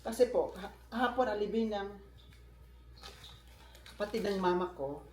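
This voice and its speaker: This Filipino man vlogs in a casual, chatty manner, his high-pitched voice going at a moderate pace. He often turns aside to speak to his viewers, and the recording carries a roomy echo.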